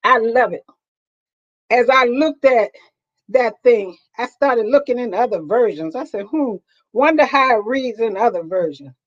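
A woman's voice: on the high side, animated, unhurried. A woman preaching a fervent sermon, repeating her points and asking the congregation questions. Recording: dull lo-fi recording.

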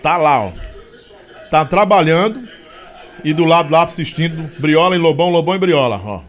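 Um homem apresentador de podcast, conversando à vontade com o convidado e mandando abraços aos ouvintes. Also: male voice, a little high, moderate pace. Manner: lively, banters and reads listener messages. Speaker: podcast host. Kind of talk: casual interview chat.

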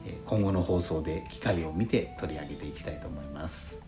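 A very deep male voice speaks fairly quickly as a podcast host reads listener letters, chatting politely in formal, courteous phrasing. Soft lo-fi flute jazz drifts faintly through a roomy, echoey recording.

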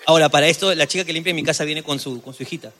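A man co-hosting a comedy podcast, telling stories in an animated way and acting out other people's voices. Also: fairly high pitch, rapid-fire, in a large hall. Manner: animated storytelling, acts out voices, laughs often. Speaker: podcast co-host. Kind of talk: comedic casual chat.

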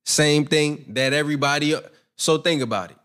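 A man's voice: on the high side, moderate pace, a bit bright. A brash young man hosting a boxing commentary channel, giving his opinions in a rambling, profane, self-assured way. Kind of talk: casual opinion monologue.

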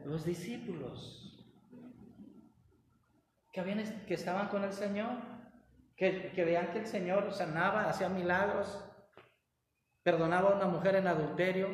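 A pastor preaching a lively sermon, drawing responses from the congregation, with laughing asides. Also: medium pitch, moderate pace, long pauses. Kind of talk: Pentecostal-style preaching sermon. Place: church hall. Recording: roomy church hall with long reverb.

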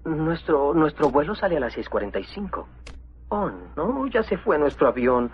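A man voicing a timid, superstitious gentleman mouse in an animated film, husky, hesitant and stammering with worry. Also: fairly high pitch, normal speed, heavily acted. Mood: worried. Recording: muffled lo-fi film audio.

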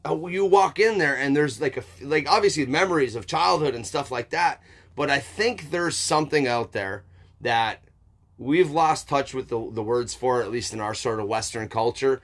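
A man's voice: mid-range voice, lively intonation, normal speed, a bit bright. A man chatting casually and reflectively as a podcast host, informal and emphatic, with some swearing and frequent checks for agreement. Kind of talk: casual philosophical chat.

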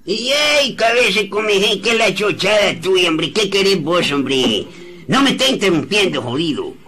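A man's voice: on the high side, big pitch swings, normal speed, fairly bright tone. A man voicing a lecherous old man who sweet-talks a young woman in a comic radio drama. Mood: irritated. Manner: sweet-talking, then blustering.

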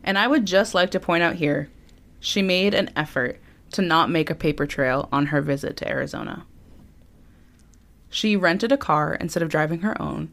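A woman's voice: fairly low pitch, moderate pace, gravelly, a bit bright. A young woman co-hosting a podcast, telling a story in casual chat, laughing often and acting out quotes. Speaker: podcast co-host.

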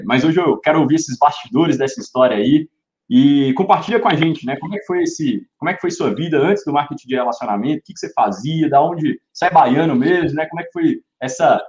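A man's voice: fairly high pitch, darkish tone, dull audio. A male host eagerly asking long, rambling questions in a casual live interview.

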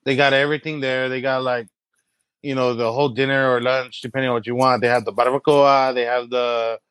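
A young man from San Antonio, telling stories in a casual chat, full of fillers and quick voices of people he mimics. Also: clear, resonant tone, no room sound. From San Antonio, Texas. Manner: animated storyteller, many fillers, quick high-pitched mimicry of others. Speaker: guest, comedy creator.

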